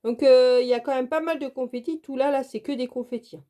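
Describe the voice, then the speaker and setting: A woman's voice: high-pitched, fairly even intonation, a little fast, dark tone. A woman hosting her crafting channel, walking viewers through an unboxing in a casual, chatty way, full of "donc, euh" fillers and direct asides to the viewer.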